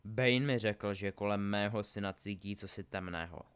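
A man voicing a steady, guarded adult wizard and father in a storybook reading, calm and firm. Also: fairly low pitch, smooth, close to an everyday voice.

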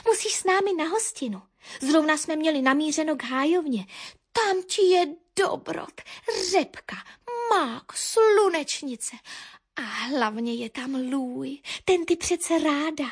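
A woman's voice: sits high, animated, pitched above the performer's own voice. A woman voicing a small, eager young female titmouse who chirps and pleads. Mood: eager, pleading.

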